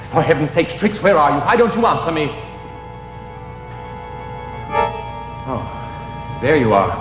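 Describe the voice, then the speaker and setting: An actor playing an impatient, exasperated man who scolds and calls out, in the style of 1950s television drama. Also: a little high. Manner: scolding, calling out. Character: impatient, exasperated man searching for a teasing woman. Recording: dull, lo-fi 1950s TV soundtrack.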